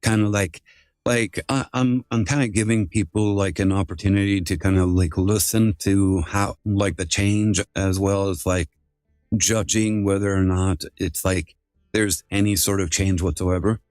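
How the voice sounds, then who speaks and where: A man's voice: deep voice, steady tone, a little slow, a little mellow, clean tone, dry recording, clean studio sound. A man streaming live through a voice changer, chatting casually with rambling, filler-heavy sentences that often restart. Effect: voice changer altering his voice.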